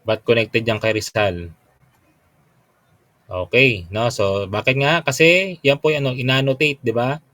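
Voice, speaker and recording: A man's voice: medium pitch, unhurried, pauses often, a bit bright, no room sound. A young adult Filipino man teaching a review class. He reads quiz items aloud, then quizzes listeners with frequent tag questions, politely mixing English and Tagalog. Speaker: teacher reviewing for a licensure exam. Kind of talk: online review lecture.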